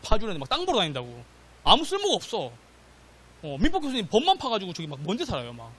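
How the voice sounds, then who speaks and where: A middle-aged man teaching an exam-prep class, lively and constantly checking that students follow. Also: sits high, quick pace. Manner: animated, checks in with "맞죠?" and "됐죠?", acts out quotes. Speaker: real estate exam lecturer. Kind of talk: classroom lecture.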